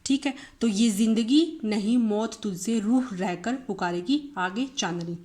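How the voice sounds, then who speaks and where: A woman teaching a casual chemistry lesson, chanting mnemonics slowly and often repeating herself. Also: medium pitch, a little mellow. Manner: conversational, frequent fillers and self-corrections.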